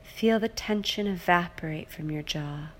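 A woman reading a guided hypnosis relaxation script in a slow, soothing, repetitive way, now and then dropping into soft whispers. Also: fairly low pitch, slight background noise.

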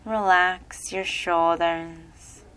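A woman reading a guided relaxation hypnosis script in a slow, soothing, repetitive way. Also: lowish voice, steady tone, a bit bright, smooth.

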